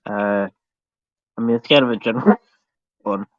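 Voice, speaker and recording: An American man hosts a voice chat in a relaxed, hesitant manner, his voice fairly low and his pace normal. It's casual conversation, recorded dry with a dull, lo-fi quality.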